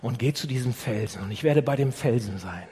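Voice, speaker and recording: A man preaching who voices God as a stern, solemn deity, giving slow, grave commands in a long hall reverb. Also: medium pitch, lively intonation, mellow, breathy edge, voice pushed down.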